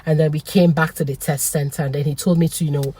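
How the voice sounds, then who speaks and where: A woman, vlogging a lively personal story in an excitable, animated way and laughing often. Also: low-pitched, quick pace, husky. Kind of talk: casual storytelling vlog.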